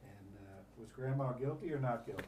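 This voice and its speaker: Halting man asking questions off-mic. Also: medium pitch, far from the mic, over a noisy crowd. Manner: loose and halting, repeats words. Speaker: interviewer. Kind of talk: casual interviewing.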